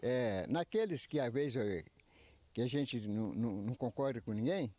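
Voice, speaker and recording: Halting elderly man in his eighties. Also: medium pitch, lively intonation, mellow, dry recording. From Brazil. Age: 80s. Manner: halting, many restarts and filler tags. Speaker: interviewee, retiree. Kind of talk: street interview. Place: outdoors under trees by a house. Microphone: handheld reporter mic.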